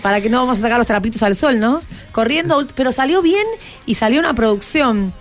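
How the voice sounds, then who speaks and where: An Argentine woman hosts an informal radio interview with students, speaking at the microphone in a fairly quick, expressive voice on the high side. She's chatty and encouraging and often thinks out loud.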